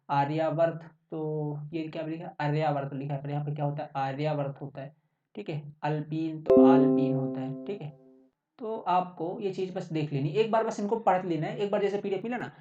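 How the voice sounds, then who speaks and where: A man's voice: sits high, mellow. Man, exam coaching teacher, casual lesson, keeps checking in, echoey room, muffled. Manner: chatty, keeps checking in with listeners. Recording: roomy, distant, dull sound.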